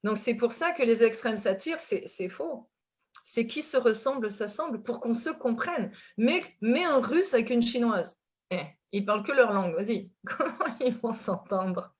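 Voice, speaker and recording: Speaking at a normal speed with a French accent, a woman from France chats casually in her role as a relationship coach. She's animated, her speech packed with fillers and restarts, and her voice runs on the high side. The audio is dull and lo-fi.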